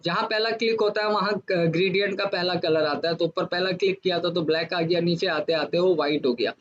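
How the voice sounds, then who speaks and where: A man teaching a software design class step by step, asking himself questions and then answering them. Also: high-pitched, steady tone, highs cut off. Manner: explains step by step with rhetorical questions; says he talks fast to fast-forward. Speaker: design instructor. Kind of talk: screen-recorded software lesson.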